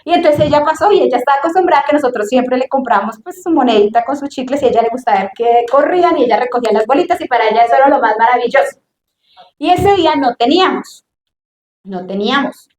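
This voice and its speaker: Middle-aged woman preacher, high voice, emphatic sermon storytelling in a reverberant church. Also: expressive, fast, darkish tone.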